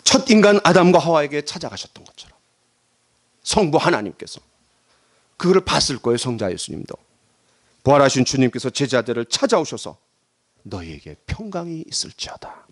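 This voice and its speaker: A man's voice: medium pitch, animated, a little fast, long pauses. A man preaching a Sunday sermon as pastor, dramatically acting out the voices in the quotes he tells. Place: church sanctuary.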